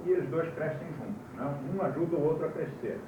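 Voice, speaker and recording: A man with a Brazilian Portuguese accent teaching a class, slowly spelling out terms, heard from an old VHS tape recording. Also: on the high side, expressive. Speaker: yoga teacher. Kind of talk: classroom lecture. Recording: hissy old VHS tape, echoey room, far mic.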